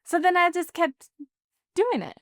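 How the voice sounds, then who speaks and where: A woman's voice: very high voice, big pitch swings, a little slow, dry recording, clean studio sound. A woman in her thirties, a podcast guest chatting casually and emotionally, filling her talk with "like". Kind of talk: casual interview chat.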